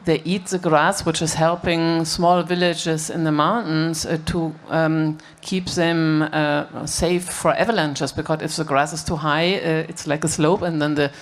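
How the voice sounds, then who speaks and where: A panelist talking in a halting way, with fillers, on a stage panel. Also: male voice, a little high, flat delivery. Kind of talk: panel discussion.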